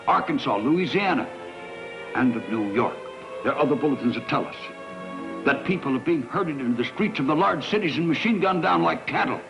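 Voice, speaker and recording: Rich: a solemn news announcer reading urgent bulletins, heard through muffled old newsreel-style film audio. Music plays clearly beneath his steady, mid-pitched voice.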